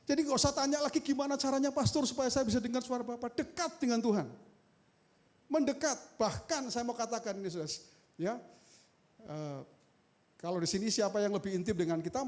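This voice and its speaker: A man preaching a sermon as pastor, calling out to the congregation and swinging between loud emphasis and soft asides. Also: extremely high pitch, brisk. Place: church sanctuary.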